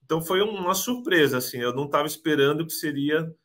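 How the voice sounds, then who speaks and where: A man's voice: a little high, quick pace, fairly bright tone. A man in his thirties from Brazil, talking casually in an interview over a video call, hesitant, often repeating words and adding tag questions. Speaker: interviewee, immigration client.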